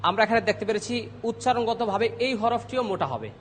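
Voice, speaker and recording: A man teaching Arabic letter pronunciation on a TV lesson, speaking slowly and repeating each sound loudly for students. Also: very high voice, expressive, in a large hall, slight background noise. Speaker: Quran recitation teacher. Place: TV studio.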